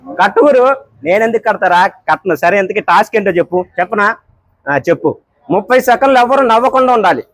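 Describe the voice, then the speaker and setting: A man bantering and teasing people at a tea stall, joking and exclaiming loudly. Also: sits high, expressive, fast talker, no echo. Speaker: vlogger. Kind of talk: playful street banter.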